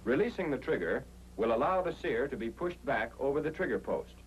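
This is an American narrator of a military training film done in 1940s fashion, with a mid-range voice that's very animated and fairly quick. He breaks everything down step by step, and the soundtrack is noisy with a hum.

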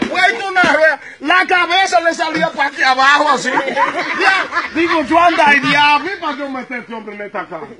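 A man with a Dominican accent telling a comic story in a casual, animated way, acting out the scenes. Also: extremely high pitch, brisk, hardly any pauses, a loud crowd. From Dominican Republic. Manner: animated, acts out the scenes he tells.

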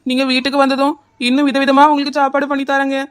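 Woman doing a clingy young cartoon wife, kanyakumari accent, high voice, begging and fussing nonstop. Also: completely flat delivery, fast talker, lightly acted. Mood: wailing. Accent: Kanyakumari Tamil. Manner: pleading, insistent and wailing. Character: young village wife, eager cook, clingy and pleading. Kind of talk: animated cartoon comedy dialogue.

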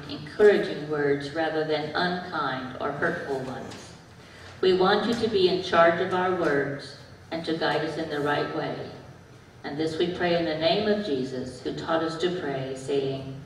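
A low-pitched woman speaks gently to children as their pastor, checking in with simple questions. She is picked up from far off in a large church sanctuary. The sound has a long, echoing hall reverb. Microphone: far camera. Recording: echoey church from far off, background noise.

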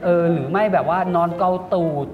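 A man who directs a series, chatting in an interview and telling lively behind-the-scenes stories. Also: high-pitched, a little fast, narrow, tinny audio. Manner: animated storytelling, acts out quotes. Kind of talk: casual interview chat. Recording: reverberant studio with background music.

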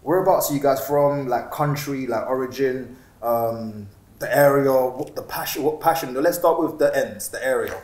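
A man's voice: medium pitch, normal speed, hardly any pauses, a little mellow. A man hosting a casual podcast interview, asking long, looping questions with repeated words. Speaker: podcast host. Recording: roomy studio with faint hiss.

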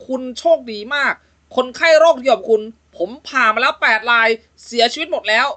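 A man voicing a calm male surgeon in a comic story, speaking slowly and formally. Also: very high-pitched, pitched above the performer's own voice. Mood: reassuring.

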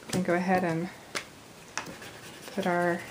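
A woman in her thirties hosting a casual crafting tutorial, chatty and a little hoarse, with apologetic asides while she works at arm's length from the camera. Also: on the low side, monotone, a little slow, noisy background. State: slightly hoarse, losing her voice. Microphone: camera at arm's length over the craft table.

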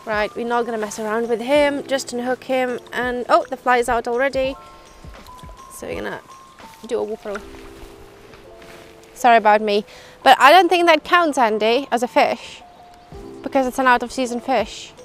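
A woman's voice: fairly high pitch, normal speed. Chatty woman fishing on a river. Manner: chatty, self-mocking, excitable when hooking fish. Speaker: fly fishing vlogger. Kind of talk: casual chat while fishing. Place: outdoors on a riverbank. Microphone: camera mic, sometimes far. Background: music.

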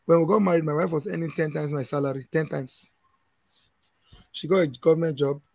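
A man's voice: a little high, fairly even intonation, a little fast, gravelly, a little mellow. A man in his thirties with a Nigerian English accent, answering questions as a conference speaker in an emphatic, preachy way, often laughing.

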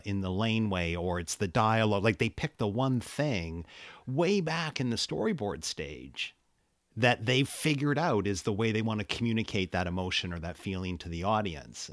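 A man's voice: fairly low pitch, dry recording, clean studio sound. A man hosting a podcast, talking thoughtfully in a casual way while searching for words. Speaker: podcast host. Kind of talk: casual interview talk.

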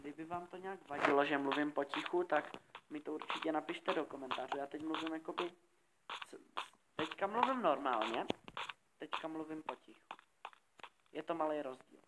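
Soft-spoken young man, noisy recording. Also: fairly high pitch. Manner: soft-spoken, rambling with many fillers. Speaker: gaming YouTuber. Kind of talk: casual Let's Play commentary. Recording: loud background noise.

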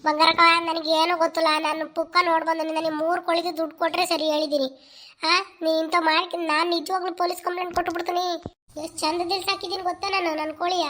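A woman voicing an angry village woman in a cartoon who has lost her hens, loud and accusing. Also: very high-pitched, fairly even intonation, racing, hardly any pauses. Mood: threatening. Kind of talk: cartoon voice acting.

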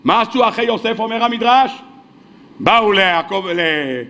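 A man delivers a weekly sermon as a rabbi, his voice pitched unusually high and tense with brightness. He tells stories with animation, slipping into the characters' dialogue and turning to his listeners with questions. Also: lively intonation. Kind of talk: sermon with storytelling.

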